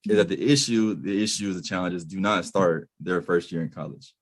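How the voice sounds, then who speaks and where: A young adult man hosting an interview, talking casually with slang and animated emphasis. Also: sits low, moderate pace. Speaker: podcast host.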